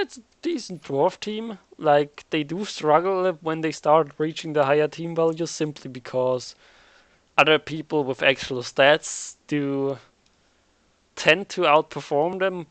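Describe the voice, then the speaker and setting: A man's voice: fairly high pitch, expressive, slow pace, a bit bright, dry recording. A man hosting a casual game recap, chatty and joking as he thinks aloud. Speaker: recap host.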